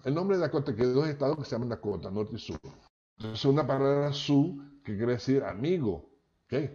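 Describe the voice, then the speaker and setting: Venezuelan guy teaching over zoom, dark mellow voice, dull lo-fi sound, keeps saying ok. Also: mid-range voice, lively intonation, a little fast. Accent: Venezuelan, from Maracaibo. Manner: chatty, tags lines with "¿ok?". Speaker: linguistics professor giving a talk. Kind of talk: lecture over a video call. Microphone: video call. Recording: dull, lo-fi video call audio.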